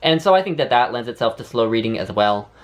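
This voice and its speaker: A man's voice: medium pitch, expressive, fast talker. Man, lisp, whistling s, casual vlog talk, reflective, rambling, self-correcting. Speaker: book vlogger.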